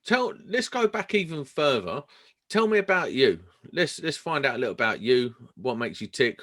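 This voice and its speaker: Male podcast host, mid-pitched voice, informal chatty interviewer. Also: sing-song, moderate pace, fairly bright tone.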